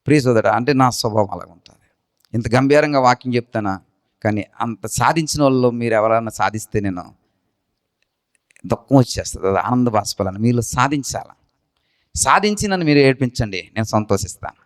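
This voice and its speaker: A man preaching a sermon from India with a Telugu accent, swinging between excited high retelling and quiet low asides. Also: a little fast, no echo. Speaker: pastor.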